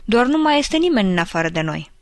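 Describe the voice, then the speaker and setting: A woman reading the part of a boy who is the steady, protective eldest brother, speaking firmly. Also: medium pitch, no echo. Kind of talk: audiobook character reading.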